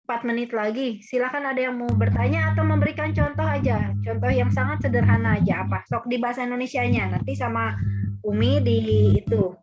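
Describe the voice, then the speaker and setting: A woman's voice: on the high side, muffled recording. A woman teacher, leading an online class and coaxing her students with repeated questions.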